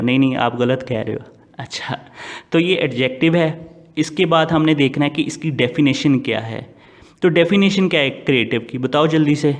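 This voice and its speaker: A man who speaks Urdu natively, giving an online English vocabulary lecture. He quizzes his students and answers his own questions, and he reads English phrases out slowly. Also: a little high. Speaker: English teacher. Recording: long hall reverb.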